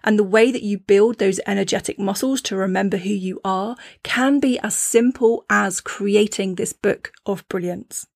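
Woman podcast host, mid pitch, dry close sound. Casual, encouraging coaching tone, acts out quoted voices. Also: normal speed, gravelly, hardly any pauses, no echo. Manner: earnest, encouraging. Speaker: mother. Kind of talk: casual spiritual coaching talk.

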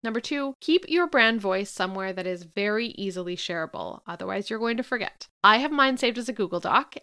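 A woman hosting a solo advice podcast, speaking in an upbeat, friendly and informal way and explaining things tidily in clear steps. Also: medium pitch, animated, a little fast, sharp tone. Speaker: podcast host and business coach.

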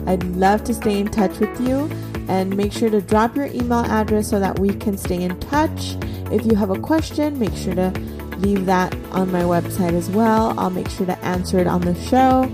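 A woman's voice: mid-range voice, moderate pace, music in the background. A woman in her forties hosting a podcast, talking in an earnest, conversational way with many fillers. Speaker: podcast host. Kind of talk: personal podcast monologue.

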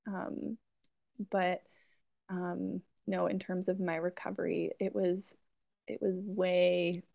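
A young woman with a gravelly, creaky voice talks reflectively through her experience, circling back with fillers and soft laughs. The sound is dry and slightly dull, like a lo-fi call recording. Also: on the low side, little pitch movement, slow, no room sound. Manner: reflective, rambling with fillers and restarts, light laughs. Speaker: guest sharing her birth story. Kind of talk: podcast interview.

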